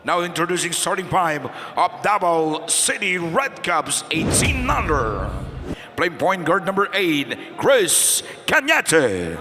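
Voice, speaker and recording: A man's voice: fairly high pitch, sing-song, sharp tone, soft background music. A man with a Filipino accent announcing starting lineups over a hall sound system, drawing out each name. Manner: slow, drawn-out announcing of names. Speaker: game announcer. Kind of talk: arena player introductions. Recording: hall reverb of an indoor arena.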